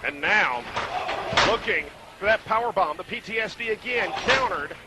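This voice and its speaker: High-pitched excitable male wrestling commentator. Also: moderate pace. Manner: excitable, punchy short calls. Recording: noisy live event recording.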